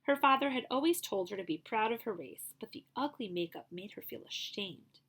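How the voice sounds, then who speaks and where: With a mid-range voice and a brisk delivery, a female librarian works through a picture book at an even storytelling pace. Now and then she breaks off for a quick remark to her audience.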